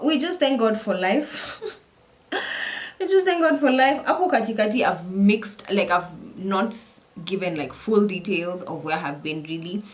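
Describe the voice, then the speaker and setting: A young woman telling a story in a casual chat while doing her makeup, animated and repetitive, slipping in Swahili words. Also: mid-range voice. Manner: animated, repeats phrases, mixes in Swahili words. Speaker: vlogger.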